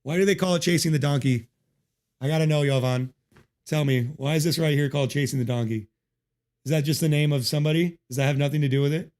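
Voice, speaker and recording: A gamer talks quickly with his livestream chat in a slightly high, slightly mellow voice that holds a steady tone. He greets viewers, jokes, and curses freely into a desk microphone with noise removal while playing.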